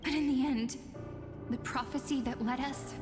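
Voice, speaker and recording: An actress playing an earnest, sorrowful young heroine in a fantasy video game. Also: female voice, high-pitched, steady tone, moderate pace, natural voice. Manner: earnest, lamenting. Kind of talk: scripted video game dialogue. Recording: long hall reverb, music behind.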